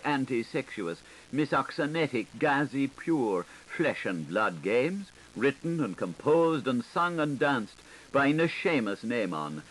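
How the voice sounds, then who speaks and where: A man with a mid-range voice narrates literary prose for an audiobook, his delivery theatrical, varied and lilting. It's a rough recording on hissy 1980s tape, with steady tape hiss in the background.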